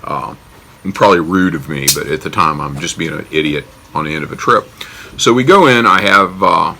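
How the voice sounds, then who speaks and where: A man's voice: low voice, fairly quick, gravelly, pushed and bright, slight background noise. An American man telling a casual personal anecdote in a wry, self-deprecating, joking way. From United States. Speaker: storyteller.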